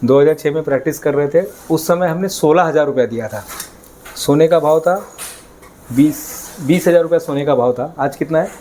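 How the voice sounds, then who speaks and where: A man's voice: on the high side, normal speed, warm tone, a little hiss or hum. A man leading a live sales training session, coaxing the audience with energy and getting them to chant lines.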